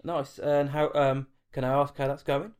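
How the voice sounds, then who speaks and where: In a clean, slightly mellow voice of medium pitch, an English man speaks at normal speed with a level tone. He's hosting a film podcast from home late at night, casually interviewing a guest online, chatty and self-deprecating with restarts.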